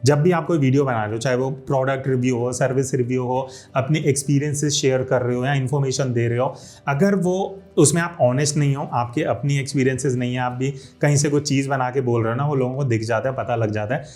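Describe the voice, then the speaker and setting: Male YouTube creator, 30s, friendly tutorial voice, mid pitch, punches key words, Hindi laced with English. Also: fairly even intonation, brisk, darkish tone. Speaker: YouTube creator teaching video skills. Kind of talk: casual instructional talk to camera. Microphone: studio microphone.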